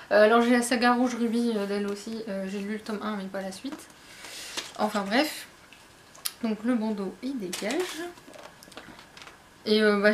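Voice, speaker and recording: A woman's voice: on the high side, slight background noise. A young woman chatting casually to camera while unboxing a book box at home, with lots of fillers and restarts. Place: at home, indoors.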